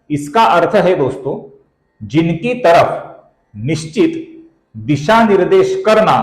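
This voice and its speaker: A man teaching the pronunciation of verses, speaking slowly and deliberately and stretching out syllables, and addressing viewers as friends. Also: fairly high pitch, roomy sound, poor audio. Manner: slow and deliberate, stretching out syllables when he chants. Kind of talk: slow, careful recitation lesson.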